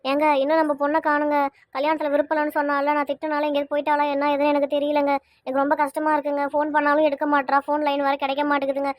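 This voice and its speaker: A woman voices a worried mother in a homemade family drama, speaking at a breathless clip in a high, narrow voice. She hurls question after question. The recording is dry, with no room sound. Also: completely flat delivery, no room sound, lightly acted. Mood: pleading. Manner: rapid pleading questions, fretful. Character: anxious mother fretting over missing daughter. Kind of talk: amateur family web drama.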